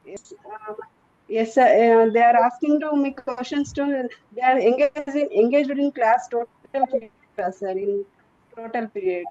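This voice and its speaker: A woman's voice: on the high side, warm tone. Hesitant Indian woman teacher, dull line. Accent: Indian English. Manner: hesitant, halting, says sir often. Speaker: teacher practicing English.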